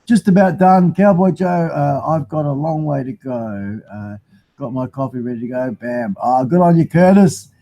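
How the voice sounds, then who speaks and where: A man's voice: mid-range voice, animated, normal speed, lo-fi sound. A man with a broad New Zealand accent hosting a casual live stream, rambling and matey as he chats to viewers. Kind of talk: casual live chat, reading out viewer comments.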